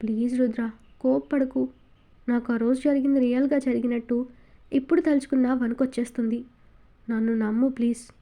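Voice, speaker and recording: A woman's voice: a little high, fairly even intonation, brisk, pauses often, dull audio, lightly acted. A woman voicing a naive, timid young woman in a romance audiobook, innocent and pleading.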